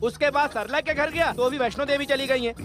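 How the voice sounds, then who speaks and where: A sly flirtatious village elder. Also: male voice, very high voice, brisk. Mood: coaxing. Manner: teasing, chatty. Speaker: older village man courting a widow. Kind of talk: Hindi film dub.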